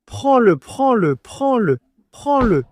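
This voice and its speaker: Casting: man with a high, very lively voice for casual banter, given to insistent repeated commands. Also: slow, no room sound. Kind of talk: casual banter among friends.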